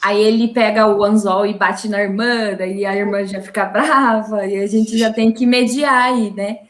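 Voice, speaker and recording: A Brazilian woman, a mother, talking in a casual interview with halting speech and many restarts. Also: medium pitch, fairly even intonation, reverberant. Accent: Brazilian Portuguese. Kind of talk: casual video call interview. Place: home.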